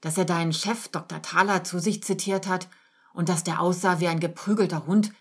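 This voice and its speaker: A woman reading an audiobook and voicing an affectionate male partner who speaks softly and sympathetically. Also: lowish voice, fairly even intonation, a little fast, slightly rough. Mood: curious. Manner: soft, purring, sympathetic.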